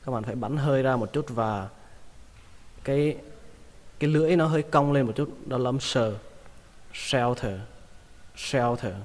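A man teaching English vocabulary, repeating each word slowly and patiently. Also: medium pitch, darkish tone, big-room sound. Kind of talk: vocabulary lesson.

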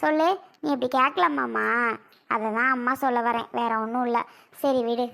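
A woman's voice: on the high side, moderate pace, vocal fry, a bit bright. A woman voicing an aging scolding cartoon mother. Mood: lecturing. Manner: scolding, pleading, lamenting. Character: older mother, lecturing and grieving over her son. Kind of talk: cartoon voice acting.

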